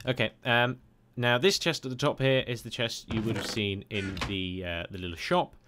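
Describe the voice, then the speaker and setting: A man's voice: medium pitch, steady tone, normal speed, fairly bright tone. A man casually narrating a game tutorial over a screen recording, chatty and rambling with lots of "uh"s. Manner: rambling, chatty, many filler "uh"s.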